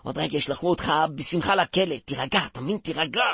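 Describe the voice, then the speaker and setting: Man doing stuttery goofy guy, husky, always punning, radio play. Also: fairly high pitch, a bit bright, no echo, heavily acted. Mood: scolding. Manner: stammering, silly puns. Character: bumbling stammering man, joking peacemaker. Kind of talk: comic radio play acting.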